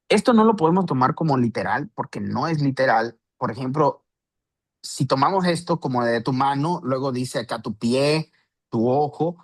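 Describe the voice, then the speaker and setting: Male Bible teacher, mid-pitched, casual explanatory delivery. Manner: conversational, with rhetorical questions and restarts. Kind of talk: Bible study talk.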